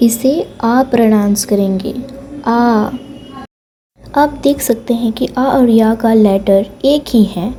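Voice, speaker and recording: Woman, tutorial host; slow, patient delivery, soft mellow tone, light background noise. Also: a little high. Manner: patient, repeats sounds slowly to demonstrate. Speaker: language teacher on her own channel. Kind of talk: slow explanatory lesson, mixing Hindi and English.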